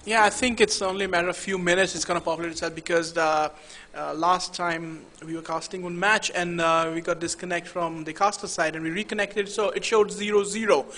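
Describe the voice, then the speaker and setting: A man from India calls a live esports match in a high, bright, ringing voice. He talks in a chatty, stop-start way, with plenty of fillers between thoughts. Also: fairly even intonation, brisk. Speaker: esports caster.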